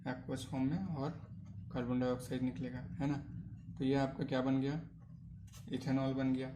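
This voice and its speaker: A man teaching a chemistry lesson in Hindi, mixing in English terms. He keeps asking the class questions, answers them himself, and fills pauses with hesitations. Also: medium pitch, warm tone, slight background noise. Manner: asks questions then answers them, frequent "है ना" tags; hesitant fillers. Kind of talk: online chemistry lecture.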